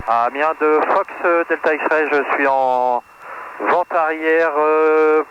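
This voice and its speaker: A man gives radio calls from the cockpit of a small plane, his voice coming through a headset radio. The sound is muffled and narrow, with engine noise loud behind it. He speaks in halting, clipped phrases, pausing on call signs. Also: fairly high pitch, fairly even intonation. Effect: heard through an aircraft headset radio. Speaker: private pilot. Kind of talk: radio calls to air traffic. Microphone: headset mic.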